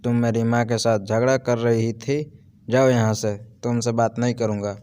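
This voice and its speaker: A man's voice: medium pitch, flat delivery, moderate pace, mellow, clear, resonant tone, natural voice. A man voicing a grown son and husband in a spoken moral story, stern and protective of his mother. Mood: angry.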